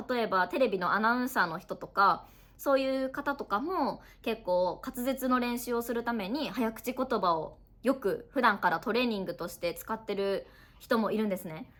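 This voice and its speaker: Chatty young Japanese teacher, high voice. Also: female voice, fairly bright tone. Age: 20s. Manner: chatty and friendly, explains slowly with examples. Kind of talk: casual podcast talk to learners. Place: indoors at her family home.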